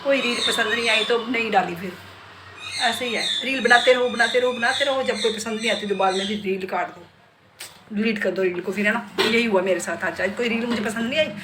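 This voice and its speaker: A woman's voice: fairly high pitch, a little fast, heavy background noise. Chatty woman vlogging from home. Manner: chatty, playful, talks to viewers. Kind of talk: casual vlog chat.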